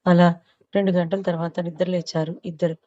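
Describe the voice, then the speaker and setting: A woman narrating a romance novel aloud in a steady storytelling manner. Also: lowish voice, fairly quick, dry recording, lo-fi sound. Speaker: audiobook narrator.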